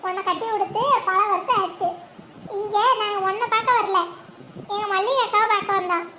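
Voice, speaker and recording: A woman's voice: very high-pitched, fairly even intonation, moderate pace, pushed and bright, a little hiss or hum. A woman voicing a nosy, mocking neighbour woman in a cartoon, teasing and sly. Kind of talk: animated cartoon voice acting.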